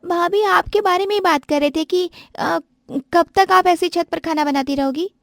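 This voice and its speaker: A woman's voice: extremely high pitch, normal speed, gravelly, no room sound, clean studio sound, pitched above the performer's own voice. A woman voicing a young sister-in-law who nags and coaxes in a whiny tone. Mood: complaining.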